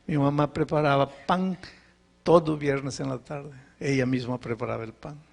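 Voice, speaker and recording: A pastor preaching to a live congregation, telling a story with dramatic pauses and anguished questions. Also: male voice, on the high side, steady tone, creaky. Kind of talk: narrative sermon storytelling. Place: live sermon before a congregation.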